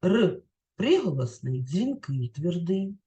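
A woman teacher giving a recorded lesson over slides, explaining in a clear, carefully enunciated way and reading lists out word by word. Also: fairly low pitch, very animated, slow, dark tone.

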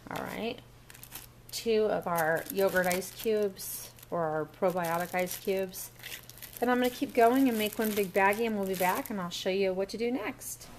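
A woman's voice: mid-range voice, moderate pace, a little hiss or hum. A woman walking through a recipe step by step in a casual kitchen demo at a home counter, recorded on the camera mic. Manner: chatty, step-by-step instructions. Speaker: cooking vlogger.

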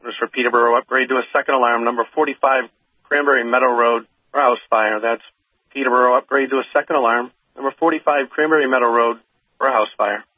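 A man's voice: mid-range voice, fairly even intonation, fast, husky, phone-quality sound. A man working as a fire dispatcher, giving clipped, formulaic emergency announcements over the radio in police radio style. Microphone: dispatch radio channel. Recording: dry scanner radio dispatch audio.

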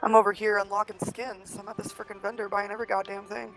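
A woman's voice: mid-range voice, flat delivery, quick pace, fairly bright tone, rough recording. A woman with an ordinary mid-range voice chatting during a game stream, amused and candid. She swears playfully. Faint music sits behind her. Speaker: friend in a gaming stream. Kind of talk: casual gaming chat.

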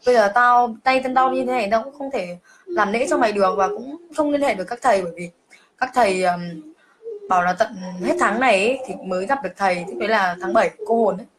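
A woman voicing a blunt, worried older woman who speaks roughly. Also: a little high, fast talker, noisy background, lightly acted.

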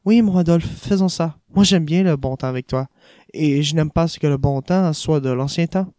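A man voicing a playful young woman who teases her lover, in a warm, raised voice. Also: fairly high pitch, normal speed, no echo, clean studio sound, pitched above the performer's own voice, lightly acted. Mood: teasing.

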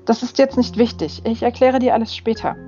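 A woman's voice: fairly high pitch, fairly quick, mellow, close to an everyday voice. Woman voicing a stern, commanding warrior angel. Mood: urgent. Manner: curt, urgent, commanding. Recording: slightly dull with faint music.

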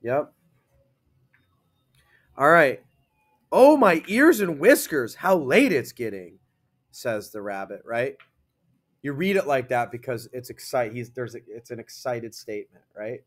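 Male classroom teacher, mid-pitched, leads a grammar lesson, reads aloud slowly, checks in with students. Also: a bit bright.

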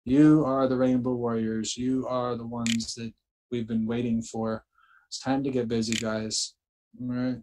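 Man at a mid pitch guiding a spiritual group, checks in with "okay?" between forceful chanted lines. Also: flat delivery, a little slow, a little hiss or hum, rough recording. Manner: repeats "okay?" constantly, chants incantations with emphasis. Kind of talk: instructional spiritual talk.

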